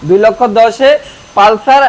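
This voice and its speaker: A man's voice: sits high, moderate pace. A man presenting a sales video, echoing prices back as short questions. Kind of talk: promotional questioning. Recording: clearly noisy background with clicks.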